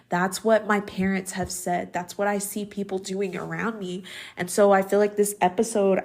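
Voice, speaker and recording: A woman in her thirties hosting a solo podcast, talking in a chatty, reflective way with lots of ums and likes. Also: mid-range voice. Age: 30s. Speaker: podcast host. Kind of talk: casual solo podcast talk.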